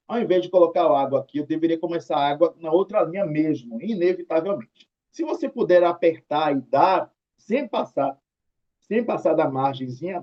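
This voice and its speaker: A Brazilian man with a somewhat high, mellow voice teaches a writing lesson on a muffled recording. He walks students through examples in a chatty, mildly scolding way, drawing out his tag questions, and his accent is Brazilian Portuguese.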